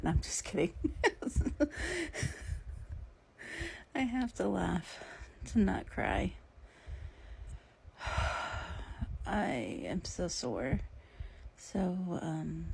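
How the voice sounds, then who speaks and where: Gravelly, husky woman telling a caregiving story. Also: on the low side, dark tone, rough recording. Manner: often drops to a whisper, laughs through the telling. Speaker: family caregiver for her father. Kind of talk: casual vlog storytelling.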